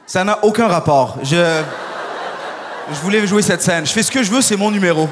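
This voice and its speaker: A young man doing a stand-up set for a live crowd on a hall stage, energetic and quick, often shouting and putting on voices. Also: sits high, noisy background. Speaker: stand-up comedian. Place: large hall on stage before a live audience. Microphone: stage microphone. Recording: live hall recording with long reverb.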